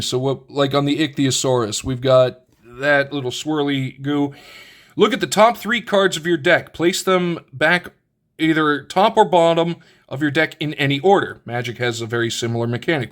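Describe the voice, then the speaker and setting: A man's voice: a little high, fairly bright tone. A man hosting his own channel, casually thinking aloud as he reads through a card game's rules and lays out the pieces. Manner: thinks aloud while reading rules, with many restarts and asides. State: has the hiccups. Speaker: channel host reviewing a card game. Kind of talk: casual unboxing commentary.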